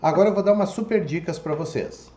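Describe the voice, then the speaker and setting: A man's voice: high voice, fast, dark tone. A man teaching a Portuguese lesson online, explaining step by step and often checking in with "tá?" and "ok?". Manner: explanatory, repeats "tá?" and "ok?" to check understanding. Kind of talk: online lecture. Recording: echoey room, faint background noise.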